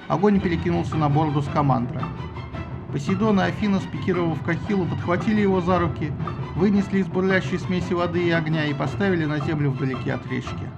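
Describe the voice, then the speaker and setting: A man reads a story aloud in a somewhat higher voice than most men, with an ironic, lively storyteller's touch. Faint music plays beneath the narration. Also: gravelly, highs cut off. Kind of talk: audiobook narration.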